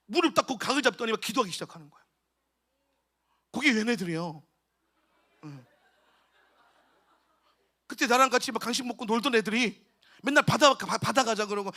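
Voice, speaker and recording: A male pastor, preaching a lively storytelling sermon to a youth camp and acting out the people he quotes. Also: extremely high pitch. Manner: storytelling, acts out quotes with shouts and laughs. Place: church hall at a camp.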